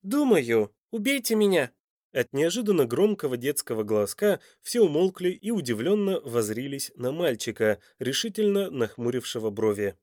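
A man reading an audiobook in an expressive, dramatic style, close to the mic. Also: medium pitch, moderate pace, few pauses, no room sound. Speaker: audiobook narrator. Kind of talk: scripted audiobook narration.

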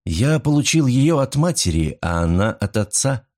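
A man's voice: mid-range voice, very animated, normal speed, darkish tone, voice pushed up. A man voicing an earnest, good-natured young man who speaks politely.

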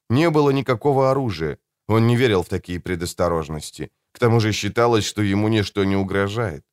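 A man reading a novel aloud as an audiobook narrator, measured and steady. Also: on the low side, clean tone, dry recording, studio quality. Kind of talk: scripted narration.

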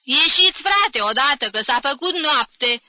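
A woman's voice: animated, sharp tone. A woman reading aloud, voicing a fussy spinster housekeeper of about fifty who calls out shrilly. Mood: shouting. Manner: shrill calling, fussing.

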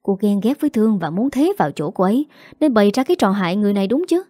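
A woman's voice: mid-range voice, big pitch swings, rapid-fire, warm tone, no room sound, studio quality. A woman doing a coldly enraged husband. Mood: angry.

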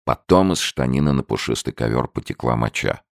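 A man narrating a crime novel in a measured, expressive storytelling manner. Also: very deep voice, creaky, no echo, clean studio sound. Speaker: audiobook narrator.

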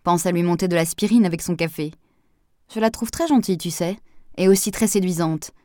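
A woman reading the lines of a sardonic, touchy man in a novel, in a low, dry voice. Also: a little fast, dry recording, close to an everyday voice. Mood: wry. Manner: sardonic, touchy, then sharp. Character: gruff reserved man, Pascal's brother.

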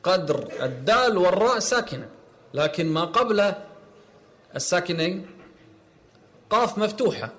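Male recitation teacher, patient and corrective, slightly high-pitched voice. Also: expressive, normal speed, pauses often, fairly bright tone, a little hiss or hum. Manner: patient, repeats words to correct pronunciation. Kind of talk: recitation rules lesson.

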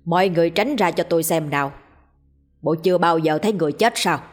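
A woman doing a hoarse old exorcist man. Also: fairly high pitch, fast, faint music behind, lightly acted. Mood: brusque. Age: older. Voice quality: hoarse, aged voice. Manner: curt, commanding. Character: old hoarse male village exorcist, stern.

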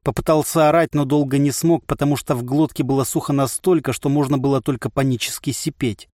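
A man's voice: mid-range voice, steady tone, brisk, a little mellow, no room sound, clean studio sound. A man narrating a first-person audiobook with a wry, sardonic delivery.

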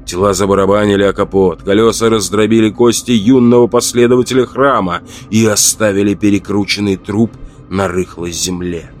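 A man reading a horror audiobook in a measured, dramatic narration. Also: on the low side.

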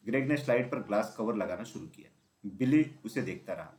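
A man reading a children's story aloud in a steady voice, softening the narration around the dialogue. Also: fairly low pitch, brisk. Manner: steady, drops voice on dialogue tags. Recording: roomy echo.

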